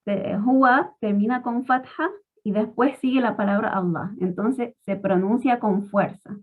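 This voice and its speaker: A woman teaching Quran recitation rules in a patient, step-by-step way, slowly modelling each pronunciation. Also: mid-range voice, steady tone. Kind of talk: online tajweed lesson. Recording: tinny phone-like audio.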